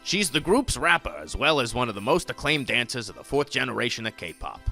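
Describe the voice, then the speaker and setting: A man's voice: medium pitch, big pitch swings, brisk, creaky, pushed and bright, soft background music, exaggerated voice. A man playing a jolly ghoul horror host, presenting in a campy, theatrical way with slangy, folksy address to his audience. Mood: affectionate, excited.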